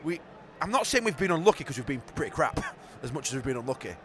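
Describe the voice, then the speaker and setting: A Yorkshire man chats at speed in a highish, lively voice. He trades blunt, colloquial banter and match commentary, recorded outside at a ground with some background noise. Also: fast. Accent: Yorkshire English. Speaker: football podcast host. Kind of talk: casual banter and excitable live match commentary. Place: outdoors in the stands at a football match. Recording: outdoor football ground, traffic and ambient noise.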